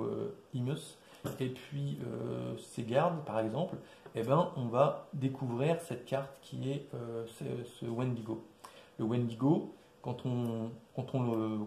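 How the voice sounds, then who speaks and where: A man casually walking through a board game's rules, with many fillers and restarts, recorded quietly in an echoey room. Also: vocal fry, slight background noise. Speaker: board game presenter. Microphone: quiet distant mic. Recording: echoey room, low level.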